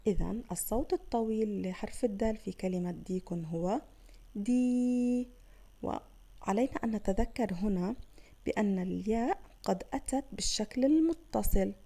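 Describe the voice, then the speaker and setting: A woman teacher leads a children's phonics lesson. Her tone is deeply mellow and dark. She sounds each letter slowly and stretches out the sounds, pausing to praise the children. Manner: slow, drawn-out sounding of letters with praise pauses.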